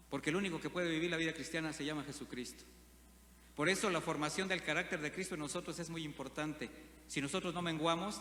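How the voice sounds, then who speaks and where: Preaching to his congregation, a pastor keeps posing rhetorical questions in a bright, forceful voice that sits on the high side. A long echo carries through the roomy church hall, with a slight hum in the background.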